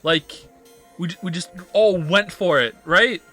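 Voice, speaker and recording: Male game streamer, casual and jokey, fairly high bright voice, improvised riffs. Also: a little slow. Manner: jokey, riffing, acts out imagined scenes. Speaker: livestreamer playing a story game. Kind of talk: casual live gameplay commentary. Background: faint game music.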